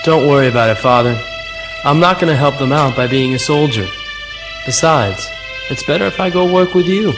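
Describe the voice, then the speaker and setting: A man's voice: on the high side, a little fast, over music, natural voice. An actor playing a cocky, defiant teenage boy who likes to tease, in an English anime dub.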